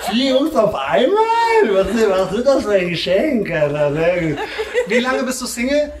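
Working the crowd at a comedy club, this man teases people in slangy street talk, tossing out "Alter" and "Digga" again and again. His voice sits high and sing-song at a moderate pace, captured in an echoey room with loud hiss and clicks.

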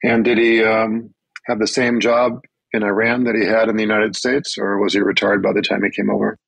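A man hosting a podcast, reading his intro in a measured, announcer-like way and asking interview questions. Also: on the low side, level tone, vocal fry, fairly bright tone, poor audio. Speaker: podcast host.

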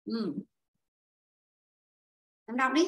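A woman's voice: on the high side, animated, very slow, sharp tone, roomy sound. A woman teaching an online class, patiently explaining answers step by step and calling on pupils one by one. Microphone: video call.

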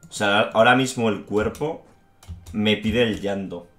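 A man's voice: on the low side, a little slow, fairly bright tone, echoey room. A man from Spain commentating his strategy game with frequent swearing and repeated "tío", speaking in a frustrated, fed-up manner. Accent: Spain Spanish. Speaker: gaming YouTuber. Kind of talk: gameplay commentary.

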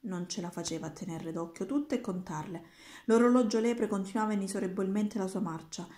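A woman reads a children's book aloud, steady and gentle. Her voice is mellow and warm. The roomy space adds a clear echo to the recording. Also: medium pitch, brisk. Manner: steady, gentle storybook reading. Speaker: reader. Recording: roomy echoing room.

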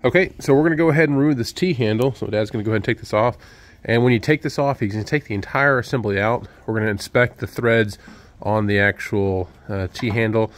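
Man casually explaining a sawmill fix outdoors. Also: lowish voice. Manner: relaxed, explains step by step with fillers. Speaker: sawmill owner showing a repair. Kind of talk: casual how-to demonstration. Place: outdoors at a sawmill under an open shed.

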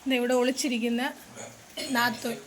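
A woman's voice: fairly high pitch, little pitch movement, normal speed. A woman chatting casually in a home vlog, explaining her cooking. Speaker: family vlogger.

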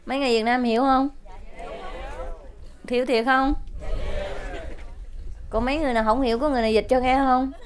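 A woman spiritual teacher telling a joke to an audience, laughing often and slipping into high-pitched character voices. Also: steady tone, fairly quick, long pauses. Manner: laughs often between lines.

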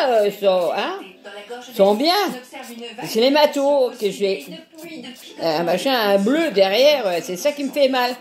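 Older Frenchwoman, home vlogger, earthy gossipy kitchen chatter, a little high-pitched. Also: darkish tone. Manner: earthy, chatty, constant "hein" tag. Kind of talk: casual chat while peeling vegetables.

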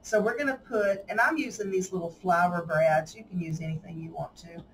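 In a low-quality recording with a distant mic, a woman with a Southern drawl gives a casual, hands-on craft demonstration as a tutorial host. Her voice is fairly low and steady, and she talks briskly in a chatty, folksy way with frequent laughs. Faint background noise fills the indoor room.

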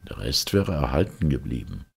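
A man's voice: very deep voice, very animated, moderate pace, creaky, a little mellow, slightly rough, exaggerated voice. A man voicing the story's hesitant male first-person narrator, who asks and reasons cautiously, in an audiobook. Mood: doubtful.

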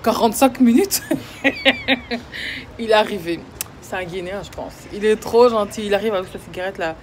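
A woman's voice: medium pitch, huge pitch swings, moderate pace, slight background noise. A young woman, chatting playfully in a casual vlog and slipping English words in. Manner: playful, mixes in English words, swings from loud teasing to quiet talk. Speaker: vlogger.

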